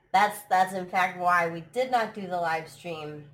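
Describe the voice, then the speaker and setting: She's a live stream podcast host from the United States, talking casually and laughing frequently while at home abroad. Allergies lend her lowish, fairly bright voice some throatiness, and she takes her time speaking.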